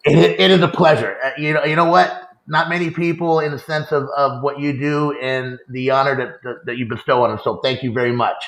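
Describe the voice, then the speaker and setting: A man's voice: medium pitch, steady tone, brisk, hardly any pauses, fairly bright tone. A man hosting a show with casual sports talk, recorded in a room. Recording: echoey room sound.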